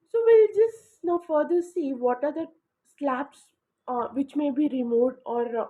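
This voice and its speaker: High-pitched woman with a Kannada accent. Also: dark tone. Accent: Kannada-accented Indian English. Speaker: host of an explainer channel. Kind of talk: informal explainer addressed to viewers. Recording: thin, narrow phone-like sound.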